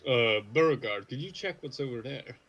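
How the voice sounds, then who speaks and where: A man's voice: medium pitch, animated, moderate pace, fairly bright tone, lo-fi sound. A man chatting eagerly as a player in a tabletop game session.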